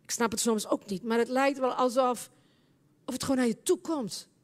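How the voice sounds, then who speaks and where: Woman preacher, high voice, charismatic sermon, fervent, impassioned prayer. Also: moderate pace. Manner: speaks in tongues between prayers. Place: church service.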